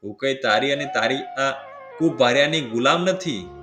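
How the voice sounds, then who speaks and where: A shrill, loud scolding woman, as a male narrator puts her on. She sounds raised and harsh. Roomy echo with clear music beneath. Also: expressive, unhurried, lightly acted. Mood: furious. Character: shrewish scolding woman, an older sister-in-law.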